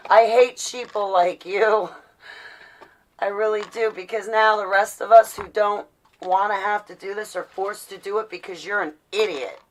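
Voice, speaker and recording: In a roughly recorded clip, a vlogger rants casually and at length, full of opinions, cursing freely and performing imagined quotes. She speaks at a medium pitch.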